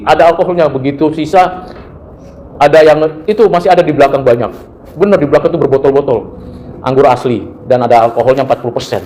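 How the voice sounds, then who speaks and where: A pastor in his late fifties preaching a sermon in a lively, colloquial way, with sudden jumps in pitch, then slowing and softening into a closing prayer. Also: slight background noise. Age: 50s.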